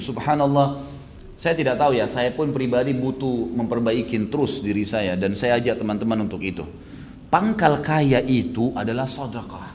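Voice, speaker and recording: A man preaching a sermon in a casual storytelling way, acting out the quoted lines with a raised voice and dropping back after each. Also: a little hiss or hum. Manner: lively, acts out quoted lines with raised pitch; casual with frequent tag phrases. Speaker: Islamic preacher.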